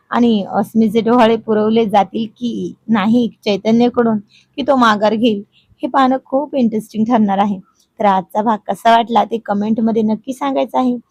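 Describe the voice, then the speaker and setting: A woman's voice: a little high, darkish tone, breathy edge, dry recording, rough recording. A woman storyteller reading a family story aloud, expressively voicing the characters' quoted lines. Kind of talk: scripted story narration.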